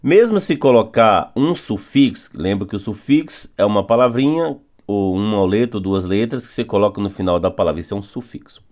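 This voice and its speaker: A male teacher with a fairly low voice explains spelling rules at an unhurried, patient pace. He repeats each example and stretches out the key words. Portuguese is his first language. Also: expressive, a little mellow. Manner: patient, repetitive, drawing out key words slowly. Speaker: English teacher. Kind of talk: phonics lesson explanation.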